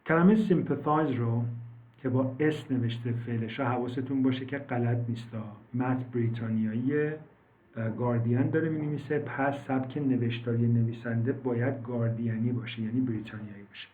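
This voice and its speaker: A man's voice: mid-range voice, a little hiss or hum. Man teaching on a tinny online call. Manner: explains slowly and drawn out, repeating words, with many fillers. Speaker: English teacher. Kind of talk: online class, explaining vocabulary. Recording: tinny phone-like call audio, echoey.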